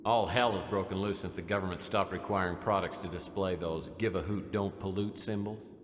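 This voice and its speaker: A man's voice: deep voice, steady tone, brisk, big-room sound, lightly acted. An actor playing a wisecracking hard-boiled male detective, narrating in a dry, sardonic noir style. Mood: wry. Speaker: game narrator and lead character. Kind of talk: 1990s game voice acting.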